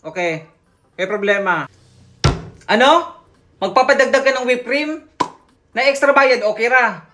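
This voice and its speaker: In a solo role-play, a woman plays a drink vendor serving imaginary customers, taking their orders and scolding them in a chatty, bossy way while repeating a half-sung catchphrase again and again. Her voice is fairly high, her pace measured with long pauses, and the background is noisy.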